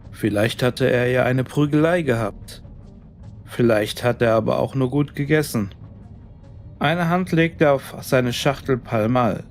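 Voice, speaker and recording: Man, slow pacing, gravelly fry, dramatic suspense narration of a scary story. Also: medium pitch. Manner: deliberate, suspenseful, dramatic delivery. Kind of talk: scripted first-person horror story narration.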